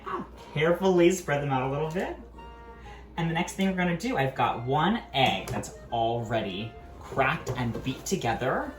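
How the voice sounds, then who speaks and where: In a kitchen, a man hosts a casual cooking demonstration, upbeat and chatty, calling his viewers friends. His voice is on the high side, and the sound is roomy.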